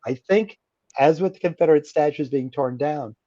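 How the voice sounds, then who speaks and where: A guest author on a radio interview speaks animatedly at a moderate pace in a slightly high voice, acting out the voices of people he quotes while telling stories. The recording has no room sound and the high frequencies are cut off.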